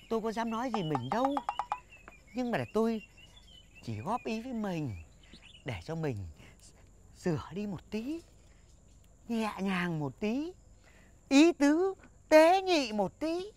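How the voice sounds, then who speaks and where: A man's voice: high voice, noisy background, exaggerated voice. An actor playing a fussy husband who keeps lecturing his wife to mind her manners. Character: fussy, nagging village husband. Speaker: husband in a rural village comedy. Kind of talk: comic film acting.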